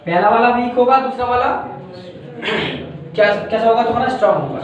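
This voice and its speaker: High-voiced Indian man teaching in an echoey room. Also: brisk, far from the mic, highs cut off. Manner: explains step by step, repeats points, checks with "thik hai". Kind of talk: classroom lecture.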